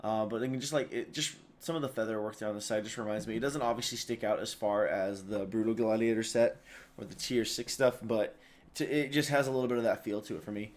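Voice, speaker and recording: A man's voice: lowish voice, fairly even intonation, a little fast. A tired man hosting a video, giving casual, rambling commentary full of fillers and restarts. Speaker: video host.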